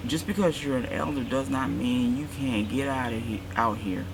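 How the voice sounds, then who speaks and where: A woman's voice: a bass voice, normal speed, gravelly. Woman giving easygoing advice, noisy background. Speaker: co-host. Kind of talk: casual chat.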